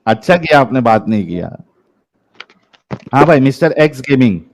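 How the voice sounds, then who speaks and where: A man's voice: mid-range voice, expressive. A man from India hosting a live online debate, bossy and mocking as he questions callers. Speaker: debate host.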